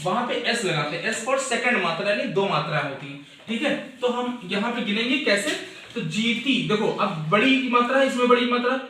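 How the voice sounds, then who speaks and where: A man teaching a Hindi exam chapter, mixing English and Hindi and repeating key points slowly. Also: extremely high pitch, animated, pushed and bright, a little hiss or hum. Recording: echoey room, mic far off.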